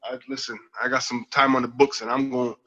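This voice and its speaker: A man's voice: mid-range voice, level tone, fast, sharp tone. A man cohosting a podcast, chatting casually in a laid-back way, swearing freely and laughing often. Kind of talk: casual chat. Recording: dull lo-fi sound.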